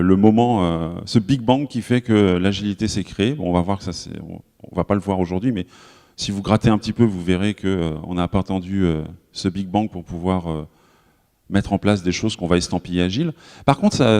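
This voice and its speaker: A man's voice: low-pitched, a little fast, mellow. French man lecturing in a reverberant hall. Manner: conversational, many fillers and self-corrections, addresses the audience directly. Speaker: conference speaker. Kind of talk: live conference talk. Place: conference hall.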